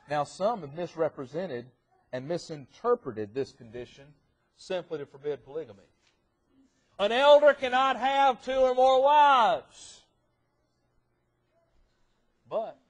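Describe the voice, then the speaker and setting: A man preaching a sermon in church, stressing phrases loudly and dropping to quiet asides, asking rhetorical questions and answering them himself. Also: mid-range voice, husky.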